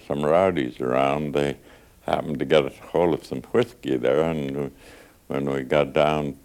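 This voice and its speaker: An older man recalling his past in an archival oral-history interview, halting and pausing with fillers. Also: very deep voice, creaky, a little mellow. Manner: halting, with frequent pauses and fillers.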